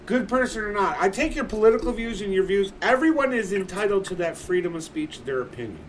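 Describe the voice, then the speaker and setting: A man's voice: sits high, lively intonation, fast talker. A man in his forties, a livestream host, chatting casually in a blunt, swearing manner. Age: 40s. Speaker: streamer. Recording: distant mic with background noise.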